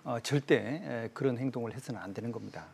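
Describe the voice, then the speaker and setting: A middle-aged man, a professor, explaining as a guest in a studio news interview, with frequent "uh" pauses. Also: medium pitch, creaky, crowd noise. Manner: measured, many "uh" pauses.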